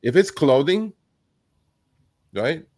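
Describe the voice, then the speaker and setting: A man born in Turkey, hosting a live chat, talking bluntly and with profanity, telling animated stories. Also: fairly high pitch, takes it slowly, dry recording, clean studio sound. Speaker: host. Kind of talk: casual livestream chat.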